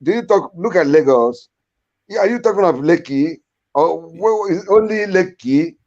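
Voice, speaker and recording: A man's voice: on the high side, animated, moderate pace, a little mellow, muffled recording. A Nigerian man calling in to a political talk show, arguing emphatically and repeating himself over interruptions. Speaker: caller. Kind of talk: heated political debate.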